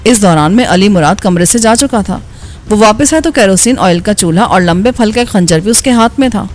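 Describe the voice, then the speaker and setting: A woman narrating an action novel as an audiobook, in a steady storytelling voice. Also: medium pitch, a little hiss or hum.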